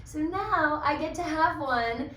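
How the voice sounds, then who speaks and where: Warm, storytelling actress, roomy room. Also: female voice, high voice, takes it slowly. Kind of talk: press junket interview. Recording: roomy with faint noise.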